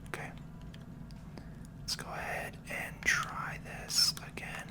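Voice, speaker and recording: A gaming video host offers gentle, unhurried ASMR commentary in a breathy whisper, explaining things as they play.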